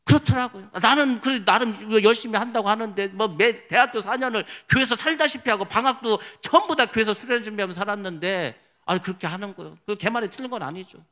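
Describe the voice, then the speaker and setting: Middle-aged man, pastor mid-sermon; high, bright, forward voice, vivid storyteller who acts out quotes. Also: fast talker, hardly any pauses. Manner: animated storytelling, acting out his own past prayers and quotes.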